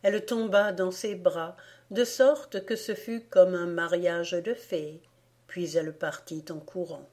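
A woman narrating a storybook audiobook in a gentle, measured reading voice. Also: on the low side, steady tone. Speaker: audiobook reader.

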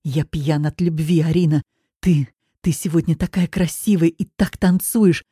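Audiobook figure: drunk, menacing young trainer, low and mellow, dry booth; a woman puts him on. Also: fairly even intonation, normal speed, slightly rough, no room sound. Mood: pushy. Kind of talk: audiobook character voice.

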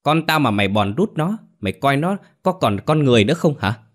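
A man voicing a furious middle-aged mother who hurls rapid, scornful insults in a ghost story audiobook. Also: fairly low pitch, animated, a bit bright.

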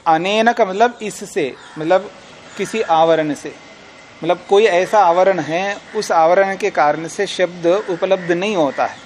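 A man's voice: sits high, a little hiss or hum. Man teaching a classical philosophy text. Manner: reads Sanskrit lines slowly, then explains them in Hindi; asks the class questions, then answers them. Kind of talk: classroom lecture explaining a text.

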